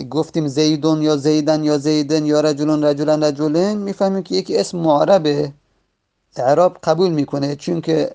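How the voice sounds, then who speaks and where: A man teaching a grammar lesson patiently, repeating each word form several times, his pace slowing and rushing by turns. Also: a little high, vocal fry, dark tone. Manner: uneven pace, stretches some words and rushes others.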